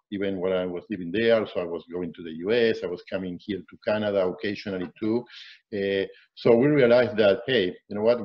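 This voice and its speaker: A middle-aged man from Argentina, a Spanish speaker, talking as a guest in a relaxed, reflective way. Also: fairly low pitch. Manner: relaxed, reflective, uses "you know" often. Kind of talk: casual interview chat. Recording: dull lo-fi audio.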